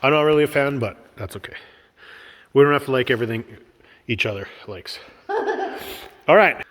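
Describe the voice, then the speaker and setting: Inside a workshop house mid-renovation, a man with a mid-range, brisk, fairly bright voice narrates his build vlog. Despite a stuffy nose he's cheerful, chatty, and quick to laugh, and the roomy space leaves a long echo.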